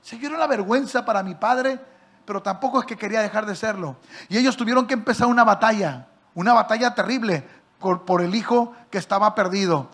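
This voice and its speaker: A male pastor, preaching by telling a story and questioning his listeners directly, acting out the people in it with sudden loud and soft swings. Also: high-pitched, brisk. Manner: acts out quoted voices with big swings in loudness. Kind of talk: sermon storytelling.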